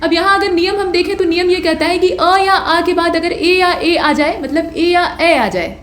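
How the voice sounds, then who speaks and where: Woman teacher, high voice, patient step by step grammar lesson, echoey room. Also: moderate pace, fairly bright tone. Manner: patient, explanatory, asks and answers her own questions. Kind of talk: exam-prep grammar lecture.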